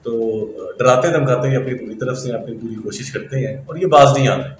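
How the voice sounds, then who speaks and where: A man's voice: medium pitch, recorded from a distance, slight background noise. A middle-aged man and interview guest, speaking earnestly and respectfully, often addressing his host as sir. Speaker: interview guest, engineering teacher. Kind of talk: interview answers. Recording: echoey room.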